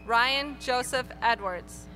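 A woman reading graduates' names one by one at an outdoor graduation ceremony, in a clear, measured announcing manner. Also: fairly high pitch, pushed and bright, a little hiss or hum. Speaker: graduation name reader. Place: outdoor stadium ceremony over PA.

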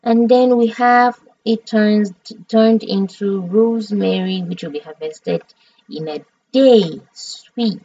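Slow-talking Nigerian woman, dramatic streamer. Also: medium pitch, no room sound, distant mic, lo-fi sound. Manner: dramatic, expressive, chatty. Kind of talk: game stream commentary.

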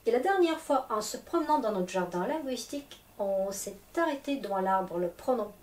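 Speaking at normal speed with a fairly high, expressive voice, a woman teaches a slow, clear language lesson in French. She is a Russian teacher, a native Russian speaker, and she explains things patiently one step at a time.

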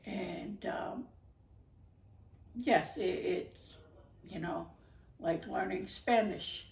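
A middle-aged woman from Hawaii talking casually to camera about her ukulele videos, pausing often with fillers. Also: on the low side, gravelly, a little mellow. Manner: halting, many fillers, gestures while talking. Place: living room, indoors. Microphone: far camera. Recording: echoey room from a distance.

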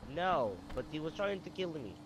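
A man's voice: a little high, sing-song, moderate pace, slight background noise. Man putting on a shaky Russian accent. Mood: evasive. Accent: put-on Russian accent. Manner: accent slips on and off. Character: shifty Russian man, suspect, cocky and evasive. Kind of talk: game role-play.

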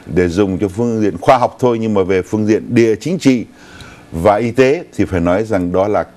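Older man, low voice, studio news talk. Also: a little mellow. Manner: recounting, unhurried, with fillers. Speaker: co-host of a news talk show.

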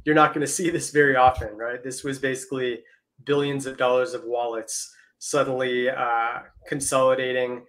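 A man's voice: mid-range voice, flat delivery, moderate pace, fairly bright tone. A man talking through crypto market charts on a livestream video call, explaining step by step.

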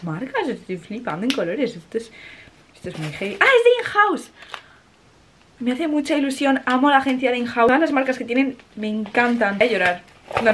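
A woman, chatting excitedly as she unboxes makeup. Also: on the high side, a little hiss or hum. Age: 20s. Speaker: vlogger. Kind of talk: casual unboxing chat.

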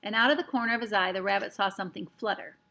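A woman reads a children's storybook aloud, her mid-range voice carrying a slight gravelly texture. She narrates gently and expressively, lifting into small character voices as the story goes. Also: medium pitch, rapid-fire.

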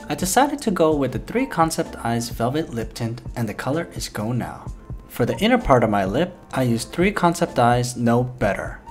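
A young man doing a comedic voiceover for a makeup video, playful and jokey, swearing freely and throwing in loud exclamations. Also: medium pitch. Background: faint background music.

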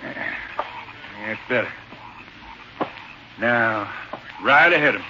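An actor playing a gruff outlaw posing as a cowhand, with a low, drawling, threatening manner, heard through an old AM radio broadcast. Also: male voice, expressive, slow, pushed and bright, heavily acted. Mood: menacing. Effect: old AM radio broadcast sound. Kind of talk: 1940s radio acting. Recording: muffled, hissy old radio recording.

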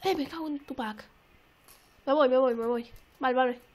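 Young woman, high voice, excitable gameplay commentary, repeats herself. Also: normal speed. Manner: excitable, repeats phrases, swears often. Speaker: gaming YouTuber. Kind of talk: casual let's-play commentary.

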